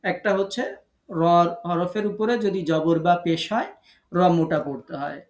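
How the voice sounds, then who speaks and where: A man teaching Quran recitation rules in an online lesson, patiently repeating each rule and drawing out example words slowly. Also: sits high, animated, darkish tone. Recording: echoey room.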